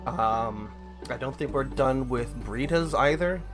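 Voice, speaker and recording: A man streaming a game and reading its dialogue aloud, sometimes voicing the characters with sudden excitement. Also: medium pitch, a little slow, over music.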